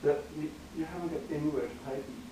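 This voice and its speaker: Man, video game banter, giggly, crude teasing, a bit high, distant mic, very echoey room. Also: fast talker, background noise. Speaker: gaming video co-host. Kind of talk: casual banter while playing a video game.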